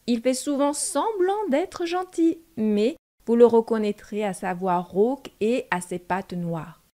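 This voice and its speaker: A woman voicing a caring, protective mother goat in a storybook, warning her young in a gentle, careful way. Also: on the high side.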